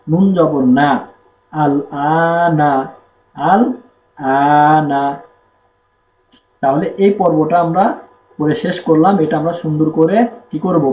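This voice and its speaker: A man teaching Quran reading, with a Bangladeshi Bengali accent, spelling out letters and vowel marks and blending them slowly into syllables. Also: on the high side, slight background noise. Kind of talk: slow spelling-out recitation lesson. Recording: echoey room, tinny phone-like sound.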